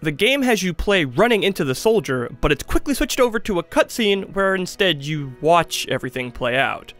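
A man in his 20s works as a video essayist, delivering emphatic, conversational scripted commentary in a small studio lined with acoustic foam. His high-pitched voice is sing-song and a bit bright at a moderate pace, captured on a studio microphone with music in the background.

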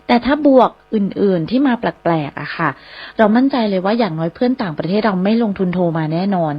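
Female radio teacher, even mid pitch, repeats and spells each word slowly, muffled radio-studio sound. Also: breathy edge. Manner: spells English words slowly letter by letter, repeats phrases. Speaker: radio host and English teacher. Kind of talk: radio English lesson. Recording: slightly dull radio broadcast sound.

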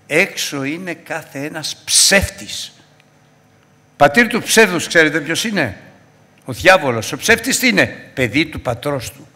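A man preaching a Sunday sermon, fervent, swinging between loud exhortation and hushed asides. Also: a little high, big-room sound.

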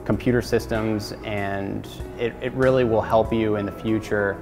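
A man's voice: fairly low pitch, steady tone, moderate pace. A young man in his twenties from rural Pennsylvania, a graduate student speaking steadily and matter-of-factly in an interview testimonial. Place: indoor university hallway. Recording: long reverb with music behind.

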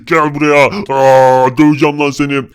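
A massive always-angry brute, as a man puts him on for a block-building game video, growling threats in a gruff, bullying voice. the voice sits mid-range and barely moves, flat and menacing, and it comes through smooth and clean. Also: a little high, normal speed, pitched below the performer's own voice, close to an everyday voice. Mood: angry, threatening. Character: huge hot-tempered male Hulk brute.

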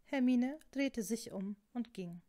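A woman narrating a fan fiction story in a steady, even reading voice. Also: a little high, slow.

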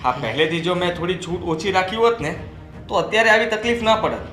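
A man's voice: high-pitched, lively intonation, a little fast, pushed and bright, faint music behind. A man playing a tired, complaining young husband who gives in easily. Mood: agreeable. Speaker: newly married husband. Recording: roomy echo.

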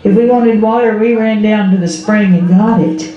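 Under an open tent at a public event, an older Smoky Mountains storyteller with a Southern Appalachian accent spins folksy tales, voicing conversations with kin and neighbours. Her mid-range voice moves at a normal speed. It comes through a handheld mic and PA, so the audio has the high end cut off, plus echo and faint background noise.

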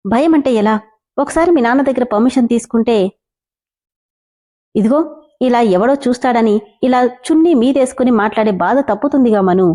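A woman's voice: on the high side, a little fast, pauses often, mellow, lightly acted. Woman voicing a teasing, doting young lover. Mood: coaxing. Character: young man in love, teasing, boastful but doting.

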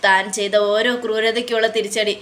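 Woman voicing a sarcastic young man, accusing, taunting, fairly high voice. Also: flat delivery, a little fast, a bit bright, a little hiss or hum, close to an everyday voice. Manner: mocking, accusing. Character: young man, vengeful and sarcastic toward villain.

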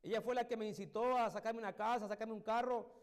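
Middle-aged male pastor, high voice, impassioned sermon delivery in a church. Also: steady tone, quick pace. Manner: impassioned, swings from loud exhortation to soft intimate tones.

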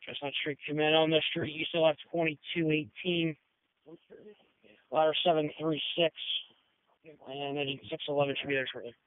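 Male fire dispatcher, over radio, thin narrow-band sound, dry, rapid read-backs. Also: fairly high pitch, little pitch movement, no room sound. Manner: quick, clipped read-backs of unit numbers. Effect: heard over a two-way radio.

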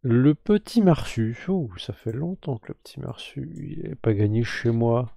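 A man hosting a live game stream, slowly drawing giveaway winners and muttering to himself with whispered asides. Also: mid-range voice, lively intonation, creaky, mellow, no echo, studio quality.

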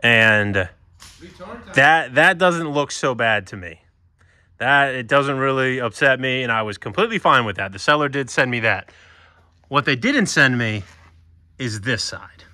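A man in a car shop chats his way through a build, expressive and quick to poke fun at himself. His voice sits in a middle register and sounds close and dry, with little room echo. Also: medium pitch. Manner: chatty, expressive, self-mocking. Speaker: shop owner and channel host. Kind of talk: casual car-build vlog chat.

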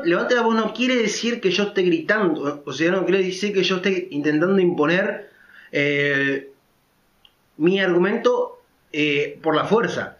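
A man giving a casual opinion monologue as a vlogger, talking loudly and emphatically and checking in with frequent tag questions. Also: high voice, reverberant, lo-fi sound. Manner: naturally loud, emphatic speaker.

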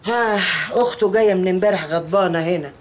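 An actress playing a sharp-tongued mother figure with an Egyptian accent, brisk and teasing. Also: lowish voice, noisy background, close to an everyday voice. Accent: Egyptian Arabic.

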